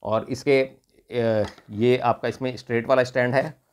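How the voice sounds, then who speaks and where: This product reviewer speaks with an Indian accent in a clean, steady, medium-pitched voice at a measured pace. His demonstration is unscripted and goes step by step, and he frequently restates things in blended Hindi and English.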